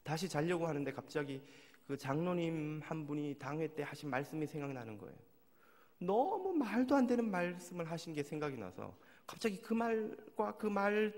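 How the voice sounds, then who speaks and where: A middle-aged man preaching a sermon as pastor, swinging between loud exclamations and hushed whispers. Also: high-pitched. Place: church sanctuary. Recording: long hall reverb of a church.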